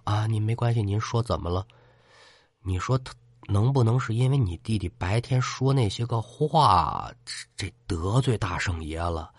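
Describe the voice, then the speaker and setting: A man voicing a timid middle-aged innkeeper who speaks in a hushed, halting way, stumbling over his words. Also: on the low side, husky, no room sound, clean studio sound, pitched below the performer's own voice.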